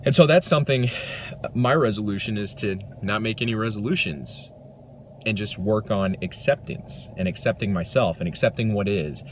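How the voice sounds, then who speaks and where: A man's voice: fairly low pitch, normal speed, a little hiss or hum. A man giving an earnest, reflective self-help monologue to camera, rambling a little with restarts. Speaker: vlogger.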